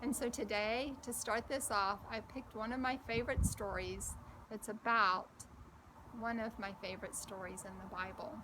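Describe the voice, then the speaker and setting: Over a noisy background, a woman of medium pitch reads a story aloud for children. She hosts in a slow, expressive way and keeps asking the little listeners questions.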